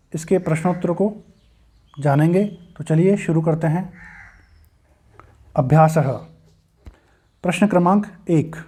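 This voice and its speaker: Slow, mellow-voiced male teacher. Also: a little high. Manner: patient, clearly spelling out words letter by letter. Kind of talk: slow recorded lesson with word-by-word pronunciation.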